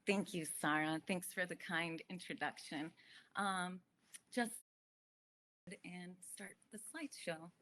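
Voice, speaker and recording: A woman's voice: mid-range voice, pushed and bright. A woman farmer giving a conversational online talk, earnest, with frequent ums. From United States and Ethiopia. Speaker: farmer and speaker. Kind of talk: online summit talk with slides.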